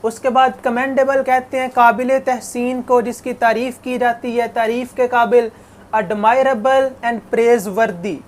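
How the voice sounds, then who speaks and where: A woman teaching an English lesson, reading English phrases slowly and explaining them in Urdu, asking and answering her own questions. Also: on the high side, flat delivery. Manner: corrects pronunciation for students. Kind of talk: classroom lecture, translating English to Urdu. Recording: faint background noise.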